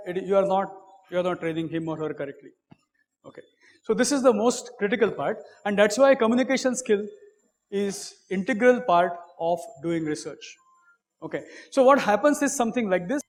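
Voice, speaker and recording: High-voiced Indian professor lecturing in a hall. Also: male voice. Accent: Indian English. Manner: measured, repeats key words, many uh fillers and "okay". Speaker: professor giving a lecture on research. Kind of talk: academic lecture.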